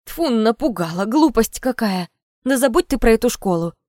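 A woman reader voicing a brisk middle-aged businesswoman mother who scolds and brushes off her daughter. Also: on the high side, animated, a little mellow, no room sound, studio quality, pitched above the performer's own voice, lightly acted. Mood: scolding.

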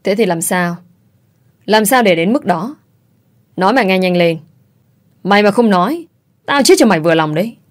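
A woman's voice: medium pitch, lively intonation, normal speed, pauses often, natural voice. A woman voicing a stingy, harsh old mother-in-law who scolds and wails at her family. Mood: wailing. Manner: scolding, wailing.

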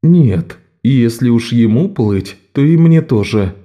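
A man doing a gruff loyal companion. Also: medium pitch, expressive, unhurried, mellow, close to an everyday voice. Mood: defiant. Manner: gruff, curt.

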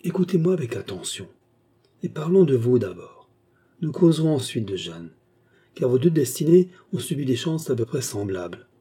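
A man as a scheming baronet villain, smooth and persuasive, dark voice, husky, storybook reading. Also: mid-range voice, sing-song, moderate pace, voice pushed up. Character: scheming male baronet villain posing as a kindly benefactor.

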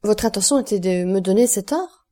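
A woman reads a talkative male prison guide, humble and eager to please. The audiobook voice stays warm and soft-edged, with only a light lift for the character. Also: medium pitch, expressive, fairly quick, natural voice. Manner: eager, deferential.

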